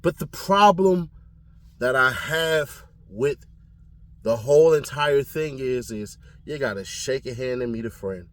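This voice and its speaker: A man from California giving casual commentary on his channel, animated and slangy, often laughing. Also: mid-range voice, unhurried. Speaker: commentary vlogger.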